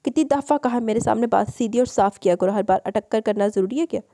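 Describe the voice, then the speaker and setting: Woman voicing a gruff bossy young husband. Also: a little high, fast talker, dark tone, dry recording, studio quality, natural voice. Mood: stern. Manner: curt, commanding. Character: short-tempered young man, bossy and harsh.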